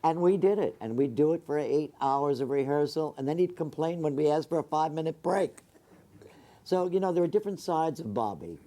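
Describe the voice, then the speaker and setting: Older man with a mellow, higher voice. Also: lively intonation, brisk. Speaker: retired dancer on a panel. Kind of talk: casual panel reminiscence.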